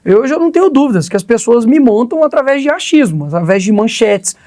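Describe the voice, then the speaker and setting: Fast-talking young Brazilian man, combative. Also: very high-pitched, very animated, dark tone. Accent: Brazilian Portuguese. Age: 20s. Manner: fast, combative, conversational with slang. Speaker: politician guest. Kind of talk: podcast interview.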